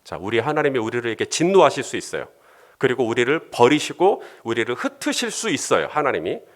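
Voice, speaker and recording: A male pastor delivering a sermon with a lively, swinging pitch. He talks animatedly and keeps slipping into acted-out dialogue. His voice sits in a middle range for a man. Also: fast. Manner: animated, often acting out dialogue.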